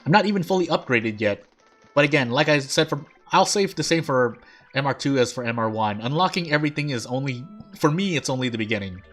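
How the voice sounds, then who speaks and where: Casting: male gaming streamer, mid-pitched, overbite articulation, rambling off-the-cuff commentary, music underneath. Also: animated, fast, a bit bright. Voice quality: slight lisp-like articulation from an overbite, teeth catching the lip. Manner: rambling, thinking aloud. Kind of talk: casual rambling game commentary. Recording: game music behind the voice. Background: game music.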